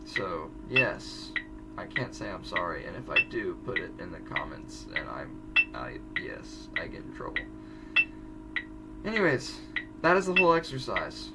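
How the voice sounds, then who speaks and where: A man's voice: low-pitched, very animated, normal speed, creaky, far from the mic, over loud music. A teenage boy casually explaining drumline exercises, chatty and prone to correcting himself mid-sentence. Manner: chatty, self-correcting, rambling asides. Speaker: drumline student teaching audition exercises. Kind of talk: casual drum tutorial.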